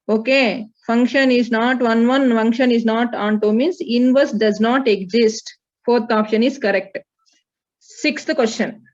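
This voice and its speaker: Woman, Indian accent, higher-pitched voice, maths teacher, questioning and prompting, lo-fi muffled recording. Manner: repeatedly questioning and prompting students by name. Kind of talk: online class lesson, working through problems. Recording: dull, lo-fi audio.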